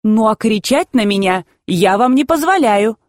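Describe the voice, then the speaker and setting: A woman's voice: medium pitch, expressive, darkish tone, dry recording, clean studio sound, voice pushed up, lightly acted. A woman reading a bold, firm young mother with a commanding way of talking, in a storybook narration. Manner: commanding, brisk.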